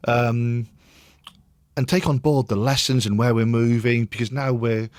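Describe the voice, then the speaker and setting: Guy hosting a chill business chat, mid pitch, dry close sound, asks the questions. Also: steady tone, unhurried, darkish tone, no echo. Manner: leads the talk and asks questions. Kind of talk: casual conversational chat.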